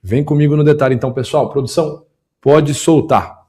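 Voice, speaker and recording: A man hosting a political commentary show, breaking down clips quickly and emphatically for his viewers. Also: on the high side, darkish tone. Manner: quick, emphatic, analytical, talks to the audience and production. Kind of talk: video commentary and analysis.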